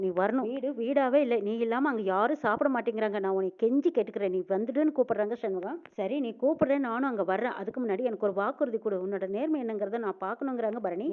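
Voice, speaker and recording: A woman retelling a TV serial, rattling off each character's lines herself and tagging every quote with "they said". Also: a little high. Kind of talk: fast retelling of a drama with quoted dialogue. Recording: tinny phone-quality audio.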